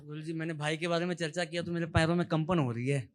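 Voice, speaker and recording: A devotee from India whose voice sits a little high for a man. He speaks gratefully and deferentially, reporting how he feels to his teacher. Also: fairly even intonation, quick pace.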